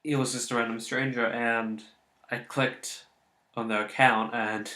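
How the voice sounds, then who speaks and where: A man's voice: medium pitch, level tone, a little slow, bright, forceful tone, roomy sound. A man commentating casually on a game he is playing, muttering and swearing at his failed attempts. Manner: muttering, swearing at failures, rambling. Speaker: let's play host.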